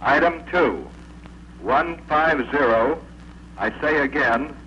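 An actor playing a male field agent whose radio report is played back from an old wire recording, speaking in clipped, deliberate radio procedure. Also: a little high, lively intonation, bright, forceful tone, highs cut off, a little hiss or hum, full character voice. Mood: terse. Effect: played back from an old wire recording of a radio transmission.

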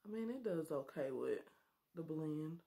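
A beauty vlogger in her thirties speaks in a low, mellow, expressive voice at a measured pace. She chats and jokes with viewers while doing her makeup, casual tutorial style, recorded close on a webcam in a small bedroom.

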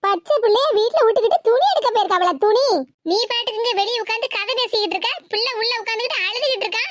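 A woman with a Tirunelveli Tamil accent voicing a tactless, quick-tongued grown daughter in an animated cartoon comedy, high and sharp as she scolds. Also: dry recording, studio quality. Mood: scolding.

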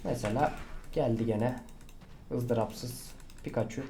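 A man giving live gameplay commentary, excitable, swearing and shouting at teammates. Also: mid-range voice, takes it slowly, a little hiss or hum. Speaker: gaming channel host.

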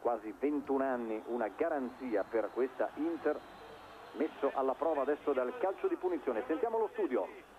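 A man's voice: medium pitch, moderate pace. A man giving live play-by-play football commentary for television. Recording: dull lo-fi broadcast, noisy stadium ambience. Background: stadium crowd noise.

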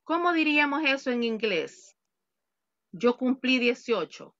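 A woman teaching English over a video call speaks slowly, taking her time with each example. Her voice is bright and a little high, recorded dry and a bit dull through a computer mic. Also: very animated, dry recording. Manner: patient, repeats words slowly for students. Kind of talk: online English class explained in Spanish. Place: home.

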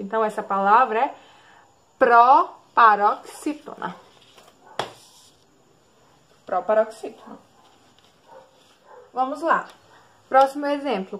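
A high, bright-toned woman with a Brazilian Portuguese accent teaches young children in a recorded lesson. She stretches each word out slowly and sings it, and keeps turning to the class with questions. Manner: stretches out words and syllables, sing-song, asks the class questions. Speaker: primary school teacher.

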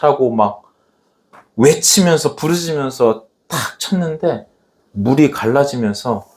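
Animated man preaching with lively pitch. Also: a little slow. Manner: animated preaching, dramatically acting out scripture quotes. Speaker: pastor. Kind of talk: sermon. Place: church.

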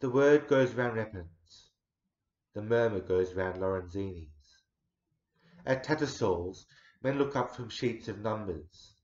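A man in his forties recites a poem with slow, deliberate care. His fairly low voice swells to loud and then sinks to a near hush. The recording is roomy and echoey, with a dull, lo-fi sound. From Australia. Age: 40s. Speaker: poetry reciter. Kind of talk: dramatic poetry recital.

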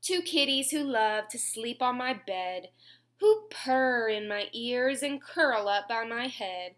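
A woman in her twenties reads a children's picture book aloud in a small room at home. Her high, bright voice swings in pitch, and she reads slowly, phrasing each line clearly and expressively for young listeners.

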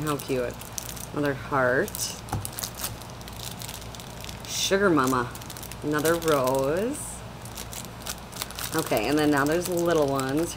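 Low-voiced woman rambling on webcam. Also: background noise. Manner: chatty, rambling, many fillers. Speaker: vlogger. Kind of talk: casual product haul chat. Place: small room at home, indoors. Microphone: webcam at desk.

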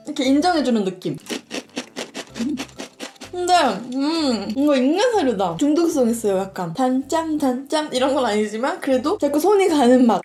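Very high-pitched, exclamatory woman snack host. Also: a little mellow, a little hiss or hum. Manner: exclamatory, with playful sound words and drawn-out reactions. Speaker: mukbang host. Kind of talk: casual snack-tasting chat to viewers.

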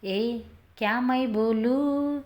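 A woman's voice: on the high side, extremely slow, darkish tone. A woman voicing rowdy young male street thugs who jeer coarsely in a storybook reading. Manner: jeering, coarse.

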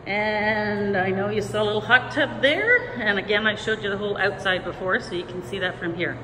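A woman's voice: medium pitch, fairly quick, noisy background. A real estate agent walking through a large house, chatting as she points out rooms and getting a little out of breath. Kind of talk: walking house tour narration.

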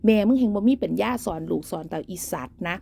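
A woman's voice: medium pitch, lively intonation, fast talker, vocal fry, mellow, a little hiss or hum. A woman with an Isan accent ranting in a livestream, mocking and cursing heavily. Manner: breaks into cackling laughs. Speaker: online commentator.

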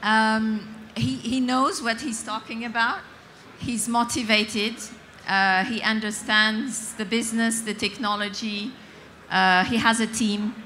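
A woman speaking as an investor on a panel, direct and crisp in her judgments. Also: mid-range voice, bright, forceful tone, slight background noise. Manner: direct, listing qualities crisply. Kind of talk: panel discussion. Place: stage in a large tent with an audience. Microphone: handheld mic.

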